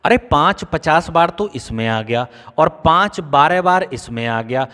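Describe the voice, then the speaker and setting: A man's voice: a little high, expressive, a little slow, sharp tone. A man with a North Indian Hindi accent teaching a maths lesson step by step. He asks the class questions and answers them himself. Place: coaching-centre classroom. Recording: long room reverb.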